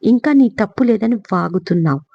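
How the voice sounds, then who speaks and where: A woman's voice: medium pitch, lively intonation, a little fast, vocal fry, slightly rough, no echo. A woman voicing an angry young man who harshly accuses his aunt, in a lo-fi audio story. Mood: bitter accusing.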